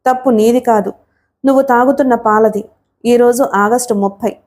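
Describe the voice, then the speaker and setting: A woman voicing a male companion who explains things in a hushed, urgent way. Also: a little high, steady tone, moderate pace, lightly acted. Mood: explaining.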